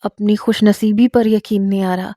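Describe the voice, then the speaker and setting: A woman reading a smooth-talking young charmer. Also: medium pitch, no room sound, studio quality, natural voice. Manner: flattering, persuasive. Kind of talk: storybook narration.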